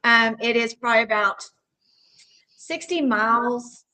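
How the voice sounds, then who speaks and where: Higher-pitched Texas woman with a drawl. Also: a little slow, bright, forceful tone, poor audio. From Texas Panhandle, United States. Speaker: podcast guest, roofing company owner. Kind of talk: casual conversational storytelling.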